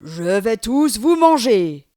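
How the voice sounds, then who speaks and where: A woman voicing a huge, greedy male monster spirit in a storybook reading, speaking loud and slow. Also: sing-song. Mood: booming. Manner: booming, slow and drawn out.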